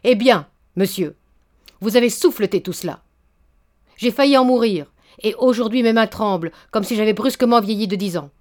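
A woman's voice: medium pitch, brisk, darkish tone, close to an everyday voice. A woman voicing an indignant old baron. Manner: indignant, stammering then thundering. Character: stern proud old male baron, wounded honor.

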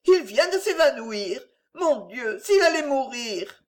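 A woman's voice: high-pitched, very animated, slow, darkish tone, voice pushed up, heavily acted. A woman voicing a frightened young woman speaking anxiously through tears. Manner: anxious, tearful.

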